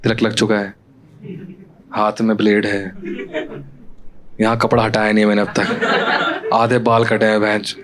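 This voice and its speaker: A man's voice: lowish voice, monotone, measured pace, long pauses, crowd noise. A young man performing stand-up comedy, telling a story in a casual, conversational way straight to the audience. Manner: conversational, addresses audience directly. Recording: clear background noise.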